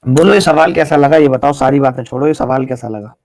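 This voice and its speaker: Gravelly Hindi-speaking math teacher. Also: male voice, mid-range voice, a little fast, darkish tone, no room sound. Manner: explains step by step, teases students with jokes. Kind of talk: live online math class.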